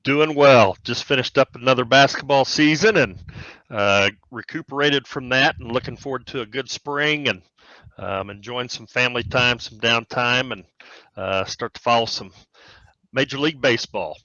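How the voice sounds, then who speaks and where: A basketball coach co-hosts a sports chat, his bright, forceful voice coming through a slightly dull, dry recording. He talks in a thoughtful, measured way, careful with his opinions. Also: mid-range voice, no room sound. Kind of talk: casual sports talk. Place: cafe studio.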